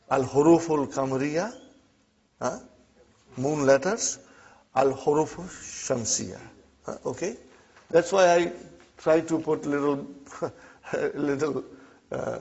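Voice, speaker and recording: A man's voice: on the high side, vocal fry, darkish tone. A man who is not a native Arabic speaker, teaching an Arabic class and checking in often with his students. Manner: checks in often with "huh?" and "okay?". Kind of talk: classroom lesson. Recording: dull lo-fi classroom recording.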